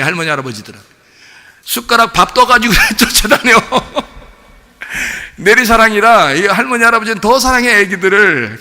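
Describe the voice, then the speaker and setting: A male pastor preaching a sermon in a lively way, asking rhetorical questions and laughing along. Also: sits high. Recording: long hall reverb.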